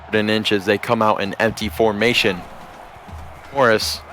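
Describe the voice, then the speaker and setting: A man giving play-by-play commentary on a video game football stream, measured and steady, rising to shouts on big plays. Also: fairly low pitch, soft background music. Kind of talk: sports commentary.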